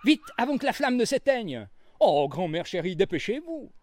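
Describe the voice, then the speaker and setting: A man voicing an excited, eager young woman in a storybook reading, pleading and breathless. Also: high voice, a little fast, voice pushed up. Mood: urgent.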